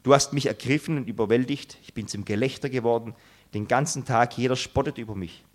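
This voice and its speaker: A man giving a sermon in an earnest, emphatic way. He lets pauses carry the weight of his points, and his voice sits at an ordinary middle pitch. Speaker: preacher.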